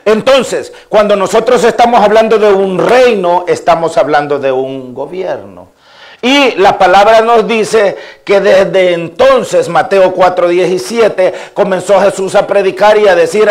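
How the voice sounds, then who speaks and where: At a measured pace and with a voice that sits high, a fifty-something pastor from El Salvador preaches. His Salvadoran Spanish accent carries a repetitive, listing rhythm full of amens.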